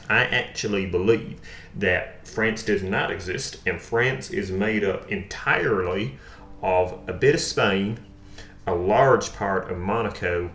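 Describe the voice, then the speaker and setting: A man playing a deadpan conspiracy crank. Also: sits low. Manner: slow, formal, flatly insistent. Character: deadpan male conspiracy theorist denying France exists. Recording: roomy echo, faint background noise.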